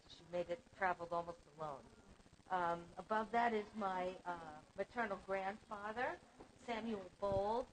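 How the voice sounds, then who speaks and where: In an indoor art museum gallery, a woman who is the exhibiting artist speaks earnestly and reflectively about her family photographs. Her mid-range voice moves at a normal speed, and the low-quality recording carries a little hiss or hum.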